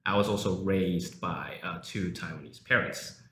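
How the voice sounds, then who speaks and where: A young South African man with a low, slightly bright voice speaks at a normal pace. He's a university English lecturer appearing as an interview guest, chatting casually and using lots of filler words. The room is echoey, with faint background noise.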